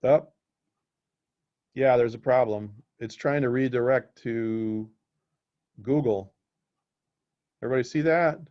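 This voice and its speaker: A male instructor leads a casual live technical class, taking it slowly with frequent pauses and checking in on whether students follow. His pitch is medium, and the recording sounds dull and lo-fi.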